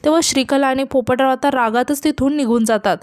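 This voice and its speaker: A woman, narrating a recap of a TV serial episode in steady storytelling and reading out the characters' lines plainly. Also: high voice, quick pace, dry recording, clean studio sound. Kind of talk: scripted narration.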